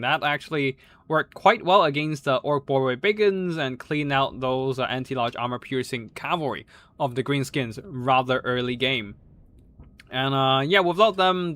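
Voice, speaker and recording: Rambling through replays of strategy game tournaments, a male game caster with a medium-pitched, sharp-toned voice keeps it casual, stumbling over fillers and restarting sentences, with an occasional curse thrown in.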